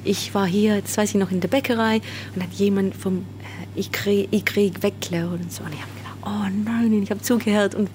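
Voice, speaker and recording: A woman in her forties from England, a native English speaker, talks about her life in a relaxed way. A laugh runs through her voice. A little background noise sits under her words. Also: medium pitch, a little fast, few pauses. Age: 40s. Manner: laughs often while talking. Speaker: interviewee. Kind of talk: casual interview.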